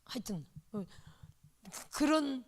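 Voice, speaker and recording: Lively woman pastor telling a story. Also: high-pitched, slow. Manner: lively storytelling with sound words, asks the congregation questions. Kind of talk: sermon with storytelling.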